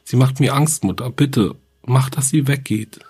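A man reading the diary entries of a lonely, grieving young girl in a quiet, earnest way, as horror narration. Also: mid-range voice, a little slow, slightly rough, voice pushed up. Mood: frightened.

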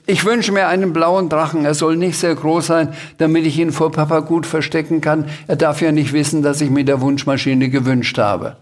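A man's voice: on the high side, steady tone, moderate pace, few pauses, pitched above the performer's own voice, natural voice. A cheeky little storybook creature that brags and bosses everyone around, as a man reading aloud puts it on. The voice sits well above his own and sounds impish and full of itself. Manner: boastful, bossy. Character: cheeky small Sams creature, boastful.

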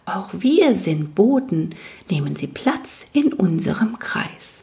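A woman's voice: mid-range voice, sing-song, slow, creaky, dark tone, full character voice. A woman voicing a tiny, polite male creature who chirps in formal, courteous phrases.

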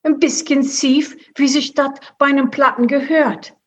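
A woman's voice: sits high, steady tone, unhurried, voice pushed up. A woman voicing a cool, streetwise male mouse with a slangy manner in a storybook reading. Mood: triumphant. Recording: dull lo-fi.

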